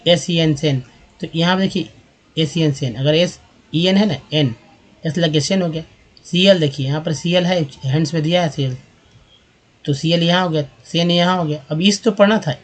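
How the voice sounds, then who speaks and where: A man teaching English reading from slides, patiently repeating and drilling each sound for viewers he calls friends. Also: on the high side. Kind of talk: slide-based lesson.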